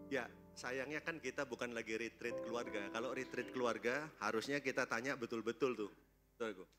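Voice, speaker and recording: A man preaching a sermon at a church service, lively and joking, constantly throwing questions at the congregation. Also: medium pitch, a little fast, music in the background. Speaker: pastor.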